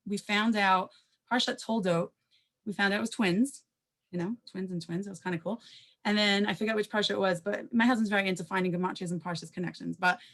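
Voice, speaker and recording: A woman on a panel telling a personal story, talking quickly and conversationally, with asides and self-corrections and Hebrew terms mixed in. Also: mid-range voice.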